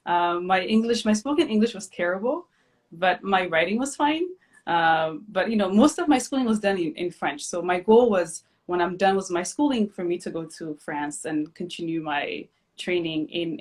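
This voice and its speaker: A woman from Ethiopia in her thirties, hosting a casual live chat, relaxed and chatty with many fillers. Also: fairly low pitch. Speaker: host, physician.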